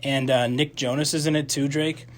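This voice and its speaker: Rambling and lively, a young man talks movies as a co-host on a campus radio show. He keeps stopping to restart and leans on fillers, speaking at normal speed in a mid-range voice.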